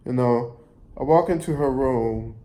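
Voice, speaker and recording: This male storyteller vlogger speaks casually about a personal experience in a calm, mellow, mid-range voice. He never rushes, and he tends to ramble, circling back to restate and repeat things.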